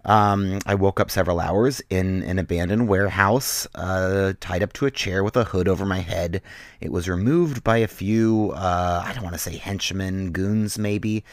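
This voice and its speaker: A man with a very low, deep voice tells a ridiculous story as a product review, casual and deadpan. The recording is dry and close, with no room sound. His delivery stays conversational and unbothered. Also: normal speed, no echo. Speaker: comedy podcast co-host.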